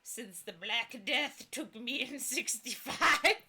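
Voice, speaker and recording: A woman voicing a boastful, folksy old male ghost in a video game, with a creaky old voice. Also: high-pitched, pushed and bright, voice pushed up, heavily acted. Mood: proud. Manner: folksy, drawn-out old-timey phrasing. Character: boastful ancient male plague ghost in a top hat.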